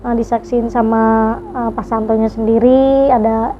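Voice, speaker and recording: A woman tells a ghost story as a guest, in a somewhat high voice. She hesitates often and acts out shocked cries. Quiet music plays behind her. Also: flat delivery, normal speed, muffled recording. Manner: hesitant with many fillers, acts out gasps of shock. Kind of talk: casual spoken ghost story.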